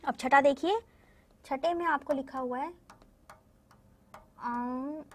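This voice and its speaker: A woman's voice: high-pitched, moderate pace. A woman teaching a primary school language lesson, patiently explaining step by step to young children and checking often that they follow. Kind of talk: recorded classroom lesson addressing children.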